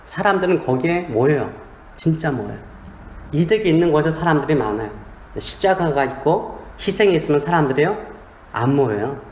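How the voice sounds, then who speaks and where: A male pastor delivers a sermon in a small church and keeps it light with stories and questions to the congregation. His voice sits a little high for a man. The sanctuary is roomy and echoey, with faint room noise behind him. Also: animated, brisk. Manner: humorous, storytelling, asks the congregation questions.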